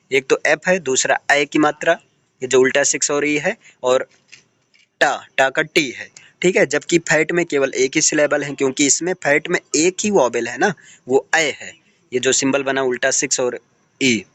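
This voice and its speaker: A man's voice: mid-range voice, fairly bright tone, no echo. A male teacher giving an exam-prep lecture from slides, explaining step by step and often checking in with his students.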